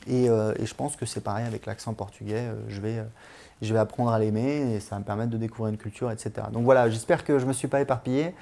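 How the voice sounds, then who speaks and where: A man's voice: lowish voice, fairly even intonation, fast, gravelly, dark tone. A man in his thirties giving casual advice on learning languages in a chatty way, with many fillers and restarts.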